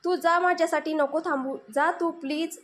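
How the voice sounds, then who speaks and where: A wounded mother forces out urgent, gasping words to protect her child. A woman performs her. The voice rides high in this spoken storybook. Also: fairly even intonation, normal speed, slight background noise. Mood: gasping pleading. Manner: urgent, gasping, pleading then fierce.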